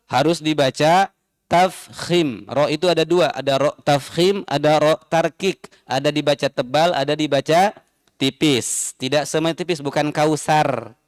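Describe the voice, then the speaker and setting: Slow, smooth-voiced man teaching Quran recitation. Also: a little high, no room sound, clean studio sound. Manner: patient, repeats and spells out sounds to demonstrate. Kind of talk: tajwid lesson. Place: mosque.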